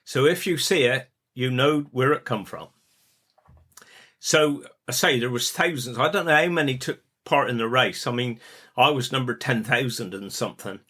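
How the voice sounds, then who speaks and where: A man's voice: medium pitch, normal speed, sharp tone, slightly rough. A Cornish man hosting his podcast, telling a rambling casual story in dialect while feeling under the weather. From Cornwall. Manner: chatty, rambling, with dialect words. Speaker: podcast host, funeral director.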